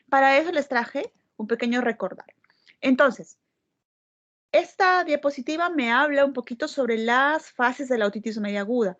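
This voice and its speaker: A woman's voice: a little high, a bit bright. A woman doctor teaching a class, explaining step by step and checking in with frequent tag questions. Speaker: medical lecturer. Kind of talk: classroom lecture. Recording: dull lo-fi recording.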